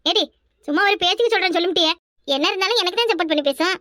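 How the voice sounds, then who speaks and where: A nagging old village mother-in-law, as a woman voices her for a cartoon, speaking Kanyakumari Tamil in a very high, bright voice. She rattles along fast and sounds dry and close-miked. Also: no echo. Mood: defensive. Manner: nagging, defensive, calls others "ஏட்டி". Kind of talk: cartoon voice acting.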